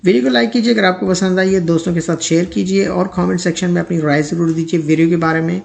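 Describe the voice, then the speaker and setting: A man teaching English pronunciation in a lesson, speaking, who repeats each word slowly and then reads out an example sentence. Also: high voice, steady tone, vocal fry, a little mellow.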